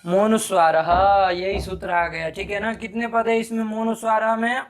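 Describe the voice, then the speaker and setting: Teaching Sanskrit grammar to a live class, a man whose voice sits high and level quizzes students briskly, sharply chiding those who answer incorrectly.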